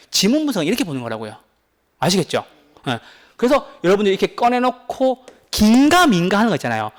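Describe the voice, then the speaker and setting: A man lectures for a real estate licensing exam course, his voice riding high and leaping up and down in pitch. He is insistent and animated, checking in with the students again and again. His delivery is pleading and urgent. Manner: lively, keeps asking the class questions.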